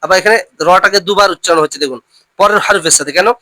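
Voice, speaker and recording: Male Bengali Quran tutor, bright tone, slow syllable-by-syllable drilling, dry sound. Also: high voice, dry recording. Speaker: Quran reading teacher. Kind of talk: spelling-out recitation lesson.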